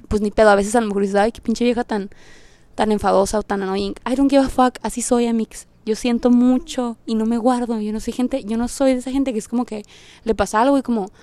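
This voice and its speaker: A young adult woman with a Mexican accent, telling a personal story on her podcast in an expressive, slangy way with English phrases mixed in. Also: a little high, dry recording. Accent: Mexican Spanish. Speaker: podcast host. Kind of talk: casual storytelling monologue.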